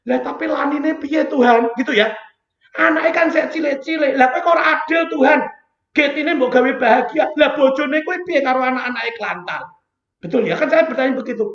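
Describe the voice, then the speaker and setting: A man preaching at an online retreat, animated and constantly asking the listeners for confirmation. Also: very high-pitched, a little fast, echoey room, highs cut off. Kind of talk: sermon to an online prayer group.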